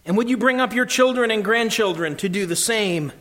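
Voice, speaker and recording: A man voicing a kingly male lion who speaks in a grave, formal, measured way. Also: high-pitched, fairly bright tone, voice pushed up. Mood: solemn.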